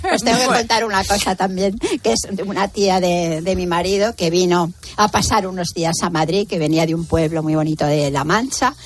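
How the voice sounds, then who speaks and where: A woman from Spain hosting a radio show, telling stories and laughing easily. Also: on the low side. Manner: storytelling, quick to laugh. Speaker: radio host. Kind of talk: casual radio chat.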